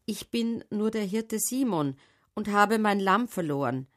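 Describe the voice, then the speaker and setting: Give me a tender shepherd boy in a children's story, lifted and bright, earnest and giving, as a woman reader puts him on. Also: medium pitch, lively intonation, unhurried, pitched above the performer's own voice, close to an everyday voice. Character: kind young shepherd boy, gentle and giving.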